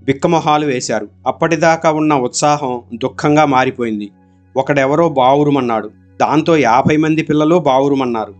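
A man narrating a storybook audiobook in a steady, expressive storytelling manner. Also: a little high, normal speed, highs cut off, faint music behind.

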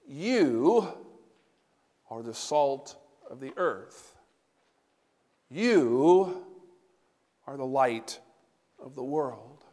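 A middle-aged man preaching a sermon as pastor, animated and moving about before the altar, recorded from a distance in a large church sanctuary. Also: medium pitch, very slow, pauses often. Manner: animated, gesturing, walking about while preaching. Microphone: no handheld mic, recorded from a far camera. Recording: long church reverb.

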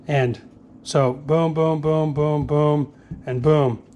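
A man's voice: fairly high pitch, steady tone, slow, dark tone. Easygoing man narrating a workshop build. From Northeast Florida. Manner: plain, easygoing, narrating each step with many "uh"s. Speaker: fishing tackle maker. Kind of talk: casual how-to workshop demonstration.

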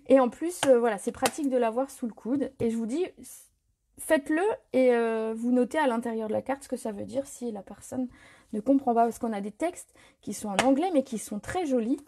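A woman demonstrating a paper craft technique in a live tutorial, chatty and relaxed, often correcting herself and laughing at her slips. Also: fairly high pitch, moderate pace, slight background noise.

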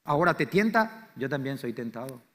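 A man with a Paraguayan Spanish accent preaching a sermon as pastor, swinging between loud, fervent declarations and quiet, low lines. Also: sing-song, moderate pace. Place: church sanctuary. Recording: church hall reverb.

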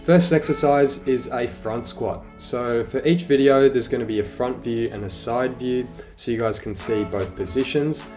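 Young male fitness coach, casual voice-over, soft music behind. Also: medium pitch, normal speed, hardly any pauses. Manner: relaxed, casual coaching with fillers. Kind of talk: instructional voice-over. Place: living room home gym. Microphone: voice-over, recorded separately.

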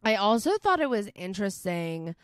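A woman co-hosting a podcast in casual chat, talking in loose, chatty runs full of fillers and animated quotes. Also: mid-range voice, normal speed, no room sound, studio quality. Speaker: podcast co-host.

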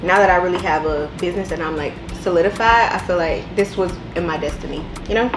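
A woman's voice: on the low side, fast talker. Frank young woman chatting over dinner. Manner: frank and straightforward. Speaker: guest. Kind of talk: casual mukbang chat. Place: room at a dinner table. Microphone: camera across the table. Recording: echoey room with music.

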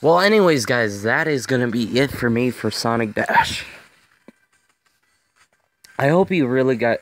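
A young gaming video host chats casually to his viewers about a mobile game, getting frustrated with it easily. His medium-pitched voice is expressive and measured in pace, though it sounds strained and fading.

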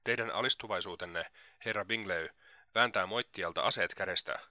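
A man reading the lines of a witty, spirited young woman in an audiobook, quick and teasing. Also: low voice, bright, forceful tone, dry recording.

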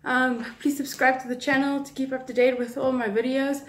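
A young woman with a high voice talks casually to her fitness vlog viewers. She records on a phone at arm's length in an echoey living room. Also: little pitch movement, brisk. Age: young adult. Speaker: fitness challenge vlogger. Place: home living room with tiled floor.

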